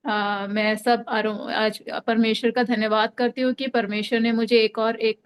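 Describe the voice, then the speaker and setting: A young woman from Delhi shares her personal faith testimony in a smooth, clear, fairly high voice. She speaks with little rise and fall, often pausing on fillers and starting her sentences over. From Delhi, India. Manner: hesitant, many fillers and restarts.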